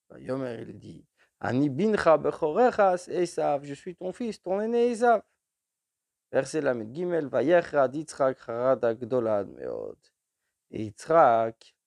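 Gravelly man teaching a slow text study. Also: medium pitch, darkish tone, no room sound, studio quality. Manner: reads a Hebrew phrase then translates it, slow and deliberate, with repeated restarts. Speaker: Torah teacher. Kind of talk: verse-by-verse text study, translating Hebrew into French.

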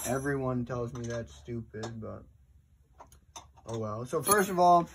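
A young snowmobile DIY vlogger rambles through a casual how-to while working on a machine in an indoor garage, filmed on a handheld phone. His mid-range voice is expressive and a little slow, his manner offhand and full of fillers, with slight background noise.

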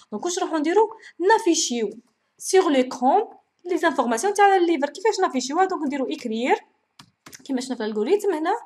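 Brisk Algerian woman lecturing on code. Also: high voice, darkish tone. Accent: Algerian Arabic. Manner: mixes French terms into dialect, asks and answers her own questions. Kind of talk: programming lecture.

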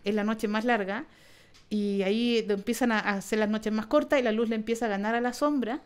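A woman with a Chilean Spanish accent speaks in a smooth, clear, fairly high voice. She is a casual chat host who explains things in an animated, irreverent way, tossing slang into her talk. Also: a little fast. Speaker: podcast host.

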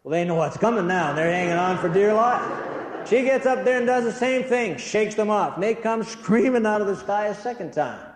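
A man's voice: high-pitched, expressive, a little fast. A man giving an earnest inspirational church talk, telling stories and speaking directly to his audience. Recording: echoey hall with long reverb.

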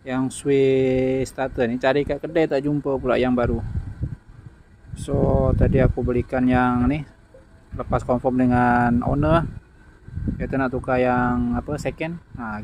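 A man's voice: medium pitch, level tone, a little slow, background noise. A man with a Malaysian Malay accent, a mechanic chatting casually to viewers as he shows a repair outdoors. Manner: chatty, talks to viewers while working. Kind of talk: casual how-to explanation. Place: outdoor workshop floor.

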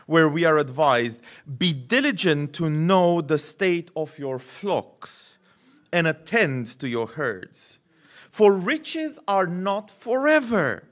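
A pastor in his thirties preaches a sermon at a podium mic in a church hall with a curtained stage. His voice is on the high side, and he is animated and gesturing, often repeating words as he builds a point.

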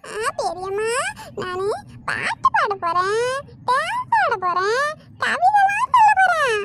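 A woman's voice: very high voice, very animated, slow, background noise, heavily acted. A woman voicing a cocky little girl who boasts in a sing-song way. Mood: boastful.

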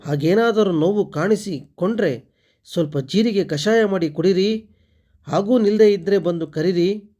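A man voicing a caring older village midwife in a spoken story, with a calm, instructing manner. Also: sits high, measured pace.

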